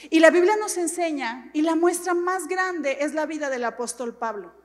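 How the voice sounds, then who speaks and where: High-voiced woman preaching. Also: normal speed. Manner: animated, dramatic preaching with self-mocking humor. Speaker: pastor. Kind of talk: sermon. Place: church hall. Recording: long hall reverb.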